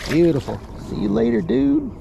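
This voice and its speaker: A man hosting a fishing trip on a small boat, chatting casually, excitable and swearing freely. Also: high voice, moderate pace, vocal fry. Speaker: angler host. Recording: outdoor boat and water noise.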